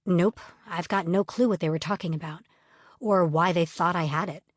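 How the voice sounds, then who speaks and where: A woman's voice: fairly low pitch, normal speed, no room sound, clean studio sound, lightly acted. A woman voicing the young heroine of an audiobook, answering in a snappish, defensive way. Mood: matter-of-fact. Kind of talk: audiobook character voice.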